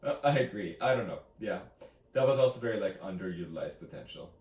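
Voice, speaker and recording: A man's voice: fairly low pitch, expressive, quick pace, darkish tone. A man in a casual debate, interjecting often, conceding points and then countering them. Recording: echoey, roomy home recording.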